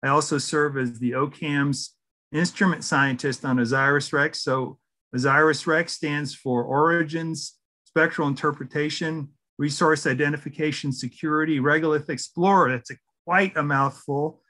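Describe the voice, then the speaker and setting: A middle-aged man, a scientist, giving a presentation over a video call, careful and spelling terms out slowly. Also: on the high side, fairly even intonation, sharp tone. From Syria. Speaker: guest scientist speaker. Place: room indoors. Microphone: video call webcam.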